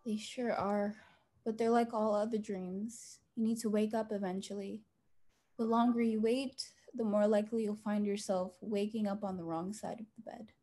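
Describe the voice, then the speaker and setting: A woman's voice: mid-range voice, fairly even intonation, moderate pace, mellow, close to an everyday voice. A young woman playing a girl's own inner voice who talks in a dry, blunt, knowing way in a student play. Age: young adult.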